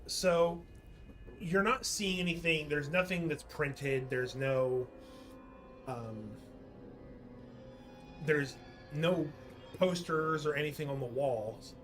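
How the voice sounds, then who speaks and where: A woman narrating a tabletop role-playing game as game master, describing scenes in halting, improvised phrases. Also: sits low, fairly bright tone, faint music behind.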